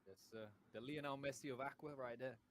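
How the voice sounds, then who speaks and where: A man's voice: medium pitch, fairly even intonation, fast talker, slight background noise. A man co-hosting a live stream, bantering and joking in a playful way. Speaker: co-host.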